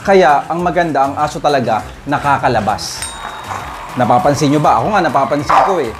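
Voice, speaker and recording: A man's voice: a little high, fairly quick. A man, a dog breeder chatting casually to viewers at his home kennel, often calling out "guys" and pointing things out. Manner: chatty, addresses viewers directly, frequent "guys" and "oh". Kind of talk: casual vlog talk to viewers. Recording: music bed under voice. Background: music playing.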